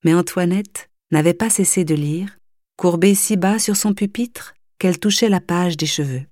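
Low, mellow woman reading a novel. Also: no echo, clean studio sound. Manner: measured, deliberate reading. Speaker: audiobook reader. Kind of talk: scripted literary narration.

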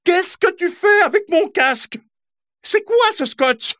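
A man voicing a furious teenage big sister who shrieks and yells at the boys. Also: animated, slow pace, no echo, clean studio sound, heavily acted. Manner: shrill, yelling.

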